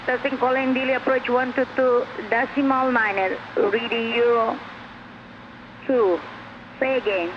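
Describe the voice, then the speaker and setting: An air traffic controller heard over an aircraft's headset radio, giving clearances in clipped, procedural phrasing. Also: medium pitch, flat delivery. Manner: measured, procedural. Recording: muffled radio with engine noise.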